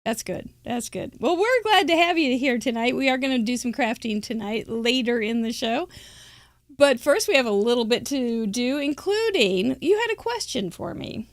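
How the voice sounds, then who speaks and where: A high-pitched woman hosts a live crafting show with chatty, upbeat banter and frequent laughter. Her voice sits close and dry on the mic, with no room sound around it. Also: expressive, normal speed, no echo. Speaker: host.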